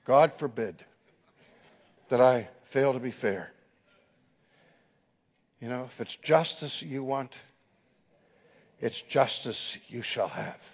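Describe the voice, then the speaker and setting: A man's voice: mid-range voice, takes it slowly, long pauses, husky. A man preaching a sermon as a dramatic storyteller. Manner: dramatic storyteller who acts out the people in his stories. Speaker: preacher and teacher. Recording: long hall reverb, dull lo-fi 2007 audio.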